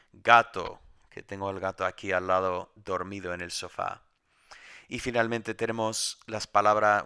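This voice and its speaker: Male teacher giving a recorded lesson at home; bright, resonant voice, patient explanation. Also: on the low side, clear, resonant tone. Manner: explanatory, with many restarts. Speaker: Greek teacher.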